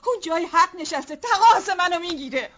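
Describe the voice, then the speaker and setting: A distraught veteran's wife with a high, emotional voice. She pleads and bursts out in turns, with a faint hiss behind her. The sound is muffled and lo-fi, as in an older TV drama. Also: lively intonation, fairly bright tone. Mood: weary. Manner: pleading, emotional, given to outbursts.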